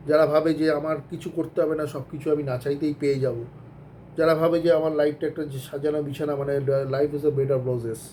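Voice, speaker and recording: A man's voice: a little high, flat delivery, fast talker, dark tone, a little hiss or hum. A man teaching an accounts class, giving earnest, rambling advice with frequent restarts and English phrases mixed in. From Bengal. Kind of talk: casual spoken lesson to students.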